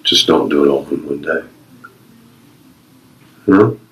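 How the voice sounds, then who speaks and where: His voice is rumbling and low yet fairly bright in tone, and he talks a little slowly on a low-quality recording. This man in his fifties is a retired Navy veteran in an interview, earnestly passing on personal stories and life advice in short, emphatic, repeated phrases.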